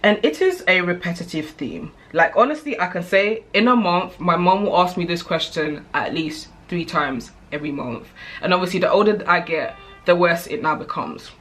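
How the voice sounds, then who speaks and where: Woman, 30s, British accent, bright voice, chatty, candid vlogger talking straight to camera. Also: on the low side, animated, normal speed. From United Kingdom. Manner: chatty, candid, rambling with frequent asides and fillers. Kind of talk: casual chat to camera.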